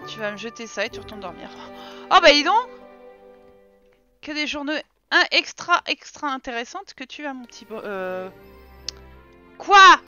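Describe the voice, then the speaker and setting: A woman's voice: fairly high pitch, expressive, fairly quick, hardly any pauses, pushed and bright, faint music behind. A woman giving casual, swear-filled commentary while playing a life-sim game live, talking to her characters. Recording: dull lo-fi stream audio.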